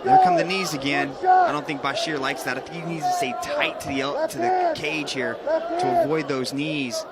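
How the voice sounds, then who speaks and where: A man's voice: very high-pitched, huge pitch swings, moderate pace. A man giving live colour commentary on a fight, explaining it conversationally. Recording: loud arena crowd and noise. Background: crowd and arena noise.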